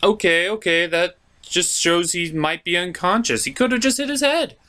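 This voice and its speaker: A high-pitched man speaks at a moderate pace in a pushed, bright voice as host of a cartoon review show. He delivers comedic, opinionated scripted commentary informally, exaggerating his emphasis.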